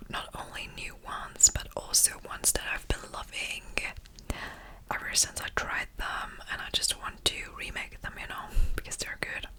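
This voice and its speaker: A woman whispering a casual, meandering ASMR ramble in a crisp, breathy voice, very close to the microphone. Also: moderate pace, rough recording. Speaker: ASMR creator. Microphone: close-up ear-to-ear stereo microphone.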